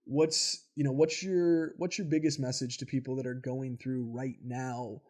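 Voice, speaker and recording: A man's voice: medium pitch, fairly even intonation, measured pace, a little mellow. A man hosting a podcast interview, talking in an earnest, casual way and swearing freely. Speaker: podcast host.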